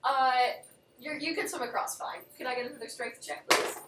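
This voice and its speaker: A woman running a tabletop game as game master, with lively, stammering narration and frequent restarts. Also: high-pitched, brisk, heavy background noise. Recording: echoey room, distant from the mic.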